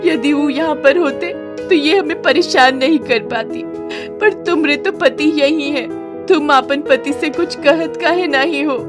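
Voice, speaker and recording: A meek young daughter-in-law pleads in a high, plaintive voice with a rustic lilt, as a woman voices her. Faint music runs under this cartoon. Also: measured pace.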